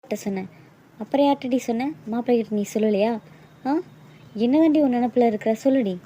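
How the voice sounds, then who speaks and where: Actress as an angry, hurt mother, mellow dark voice, scolding and bitter. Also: on the high side, fast, dull audio, slight background noise, natural voice.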